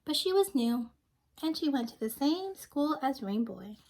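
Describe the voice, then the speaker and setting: Reading a children's picture book to young listeners, a young woman with a high, slightly mellow voice moves very slowly, her pitch swinging widely. She stops to ask them questions and give simple explanations, and there is a little hiss or hum in the recording.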